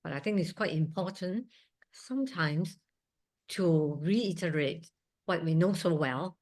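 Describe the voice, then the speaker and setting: Heard through a video call, this guest speaker has a fairly low, slightly mellow voice and speaks a little slowly. She is a woman in her sixties from Singapore, a surgeon delivering an earnest museum-event talk sprinkled with conversational asides.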